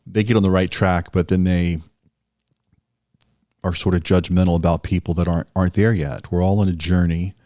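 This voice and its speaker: Man, very low voice, dry close sound, podcast producer, casual talk. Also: fairly even intonation, normal speed, mellow, no echo. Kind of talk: casual discussion.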